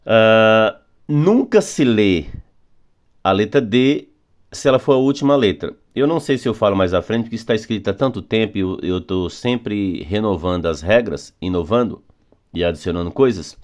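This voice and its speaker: A male teacher with a fairly low voice explains spelling rules at an unhurried, patient pace. He repeats each example and stretches out the key words. Portuguese is his first language. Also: animated. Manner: patient, repetitive, drawing out key words slowly. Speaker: English teacher. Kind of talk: phonics lesson explanation.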